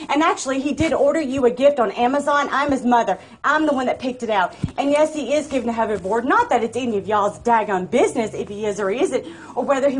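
Woman, out of breath, confrontational, slightly high voice, phone recording, faint noise. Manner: confrontational, emphatic. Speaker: mother confronting a neighbor. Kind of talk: heated argument.

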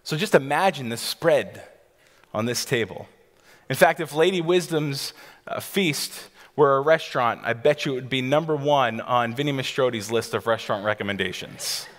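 A man's voice: medium pitch, normal speed, fairly bright tone. A man in his thirties, a pastor, preaching a sermon from a church stage and picturing scenes for his listeners. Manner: teacherly, pictures scenes for listeners, some restarts. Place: church stage before a seated congregation. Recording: long hall reverb of a church.

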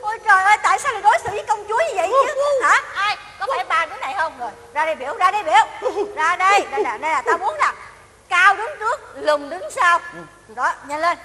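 A woman's voice: very high-pitched, expressive, fast, heavy background noise. A woman playing a bossy, fussy fairy godmother who scolds and exclaims often. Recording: hall with long reverb.

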